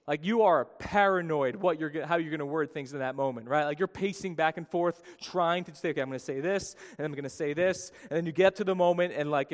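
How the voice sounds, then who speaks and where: A man with a slightly high voice teaches from scripture in a relaxed, chatty way. He fills his talk with "like" and keeps asking his listeners questions. A long hall reverb trails behind his words. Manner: chatty, many "like"s and rhetorical questions. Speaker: Bible study teacher.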